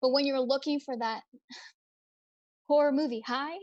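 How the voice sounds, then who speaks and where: A young woman with a high voice hosts a casual livestream from home. She chats in a bubbly, energetic way, reads viewer comments aloud and answers them as they come in. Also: takes it slowly, highs cut off. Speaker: livestream host.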